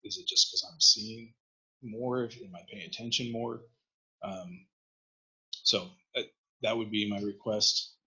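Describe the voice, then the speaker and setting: A man's voice: fairly low pitch, fairly even intonation, a little slow, long pauses, pushed and bright. A man in his sixties on the council, hesitantly thinking aloud as he makes a motion by video call. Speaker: council member. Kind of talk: making a motion at a council meeting. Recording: muffled video call audio.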